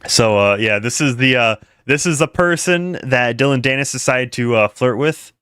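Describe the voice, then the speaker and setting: A man's voice: mid-range voice, normal speed, a bit bright, clear, resonant tone, dry recording, clean studio sound. A young man rambling through casual livestream commentary, laughing often and restarting his sentences. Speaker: commentary streamer.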